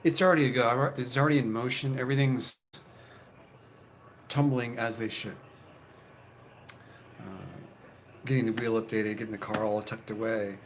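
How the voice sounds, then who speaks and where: A man's voice: mid-range voice, level tone, moderate pace, long pauses, slight background noise. A man in his fifties chatting casually with his viewers as a channel host, rambling and swearing, full of fillers and restarts. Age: 50s. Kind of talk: casual live chat with viewers.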